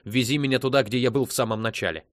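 A hurt, desperate male pilot, as a male reader plays him, pressing his demands with urgent force in a lowish voice. The recording is dry and close. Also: a little fast, no echo, close to an everyday voice. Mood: frantic. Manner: urgent, commanding.

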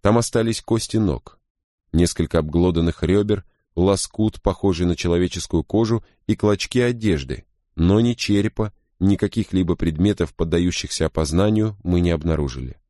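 A man reading a first-person story as an audiobook narrator, in a steady, grave way. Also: deep voice, normal speed, no echo, studio quality.

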